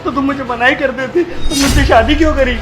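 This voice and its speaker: A man's voice: very high-pitched, fairly even intonation, fairly quick. A man playing a poor, mistreated husband who begs and pleads, in melodramatic short-video acting. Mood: pleading. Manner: pleading, wailing. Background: music.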